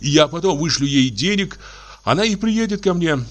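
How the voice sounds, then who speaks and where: A man's voice: a little high, animated, normal speed, fairly bright tone, voice pushed up. A man reading an audiobook voices a nervous young man pleading with a friend in a trembling voice. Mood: pleading, desperate.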